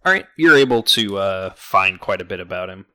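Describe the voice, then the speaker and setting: A man's voice: low voice, lively intonation, fairly quick, bright, forceful tone, dry recording. A man narrating as game master in a tabletop role-playing game, laid-back and conversational.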